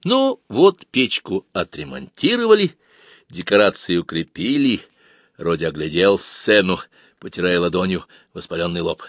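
Animated male storybook narrator. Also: deep voice, normal speed, dry recording, studio quality. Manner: expressive, animated reading. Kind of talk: storybook reading.

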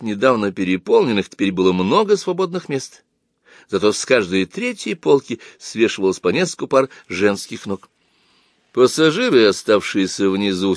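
A man's voice: lowish voice, no room sound, studio quality. A man narrating a story as an audiobook, reading expressively. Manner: expressive reading with many acted voices.

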